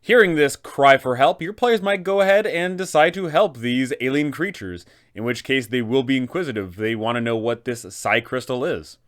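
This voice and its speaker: Casual yet emphatic, this male host, himself a game master, narrates tabletop guidance for fellow game masters. He speaks at a moderate pace with few pauses, in a mid-range, fairly bright voice.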